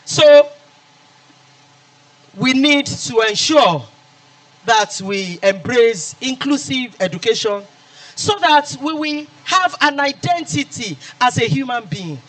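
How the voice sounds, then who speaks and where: Nigerian male lecturer, very high and bright voice, emphatic repetitive oratory. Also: lively intonation, takes it slowly, rough recording. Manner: emphatic oratory with repeated phrases. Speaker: guest lecturer. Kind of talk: formal public lecture.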